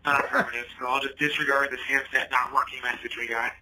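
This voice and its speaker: A man's voice: mid-range voice, little pitch movement, fast, pushed and bright, low-quality recording. A man working as a transit dispatcher, speaking in procedural confirmations over two-way radio, like taxi dispatch. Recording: two-way radio, faint background noise.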